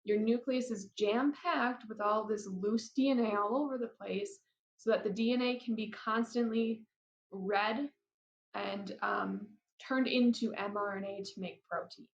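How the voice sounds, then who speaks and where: A woman teacher talking casually through lecture slides, with chatty, apologetic asides and a somewhat flat, robotic-sounding delivery. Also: mid-range voice, measured pace. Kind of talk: recorded lecture over slides. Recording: roomy, dull lo-fi mic.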